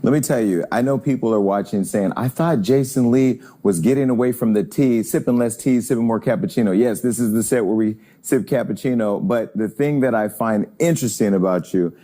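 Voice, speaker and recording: A man's voice: mid-range voice, fairly quick, hardly any pauses, mellow. A man in his forties hosting an interview, talking in a reflective, conversational way. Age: 40s. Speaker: host. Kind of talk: casual interview talk.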